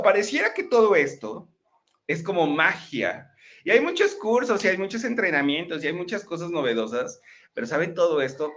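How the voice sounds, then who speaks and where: A man's voice: on the high side, a bit bright, lo-fi sound. A man giving a chatty live-streamed motivational talk, often checking in with his listeners. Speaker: motivational speaker. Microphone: laptop microphone.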